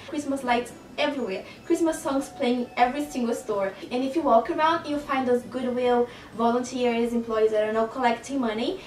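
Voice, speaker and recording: A young Brazilian woman, her accent Brazilian Portuguese and her voice a little high, chats to camera in a relaxed vlog. She laughs often and repeats words for stress. Slight background noise accompanies the roomy, somewhat distant camera sound.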